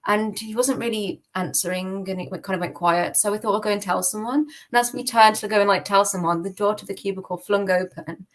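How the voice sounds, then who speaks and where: A British woman appears as a podcast guest, candidly sharing personal stories in an informal interview. Her voice sits in a typical middle range, steady and fairly quick with hardly any pauses. Her phrasing is loose and conversational, peppered with "like" and "kind of."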